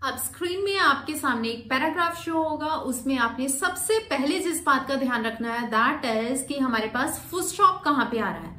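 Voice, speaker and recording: A woman teaching exam speaking skills in a Hindi-English video lesson, explaining step by step and reading sample sentences very slowly. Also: high-pitched, animated, bright, forceful tone. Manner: explains step by step, slows sharply for demonstration readings. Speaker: PTE exam coaching teacher. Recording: roomy echo with faint background noise.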